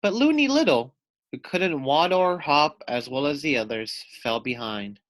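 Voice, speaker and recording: With lively intonation and a moderate pace, a man in a slightly high, somewhat bright voice reads a storybook to children like a teacher. He is expressive, speaking straight to his young audience and putting questions to them.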